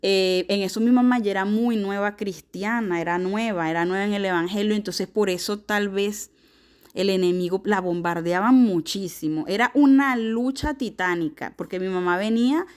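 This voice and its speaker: Earnest young woman testifying. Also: medium pitch. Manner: earnest, fervent narration. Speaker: testimony giver. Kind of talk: personal testimony.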